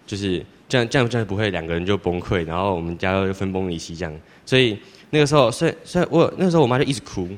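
A teenage boy giving a church testimony in a rambling, halting way, with many restarts. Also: low-pitched, animated. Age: teens. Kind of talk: personal testimony. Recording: long hall reverb.

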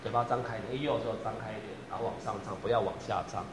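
A man with a fairly low, steady voice races through his words during a choir rehearsal. He counts in the singers, demonstrates by singing lines, and patiently restates his instructions. Behind him, a piano plays in a hall with long reverb.

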